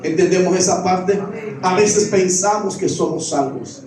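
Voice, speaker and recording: A man's voice: high voice, unhurried, crowd noise. A middle-aged man, a pastor, preaching a sermon with repeated refrains. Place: church sanctuary. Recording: echoey church, voice from far off.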